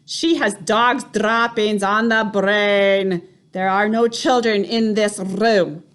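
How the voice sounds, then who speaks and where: A woman playing a furious Grand High Witch. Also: fairly even intonation, clean tone, close to an everyday voice. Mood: scornful. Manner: shouting, commanding and slow. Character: imperious, furious female witch leader.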